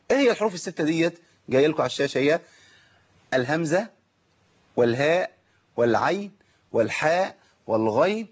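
An Egyptian man teaches a recitation class over an online call, his voice slightly high and his speech quick. He poses questions to the class and answers them himself. The call audio sounds dull and muffled. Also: breathy edge. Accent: Egyptian Arabic. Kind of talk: online lesson.

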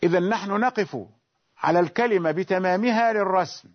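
High-voiced man teaching Quranic recitation. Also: dull audio. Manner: explains slowly, repeating verses and rules. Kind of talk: classical Arabic lesson on Quranic readings.

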